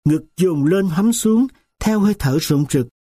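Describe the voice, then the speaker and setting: A male audiobook narrator tells a first-person story in a measured, earnest manner. His voice is mellow and soft-edged. The recording is dry and close, with no room sound. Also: sits high, animated, husky, no echo.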